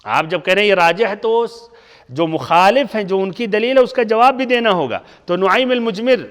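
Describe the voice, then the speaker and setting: Guy teaching hadith, high voice, lots of hall echo, asks the class then answers himself. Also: expressive, fairly bright tone. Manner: explains step by step, asks the class questions and answers them. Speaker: Islamic teacher. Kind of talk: hadith lesson lecture. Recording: long hall reverb.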